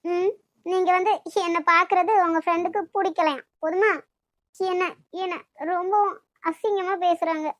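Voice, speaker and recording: A woman's voice: extremely high pitch, steady tone, normal speed, a bit bright, dry recording, studio quality. A woman voicing an upset young cartoon heroine. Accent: Kanyakumari Tamil. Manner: complaining, pleading. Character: hurt young heroine, pleading with her lover. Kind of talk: cartoon voice acting.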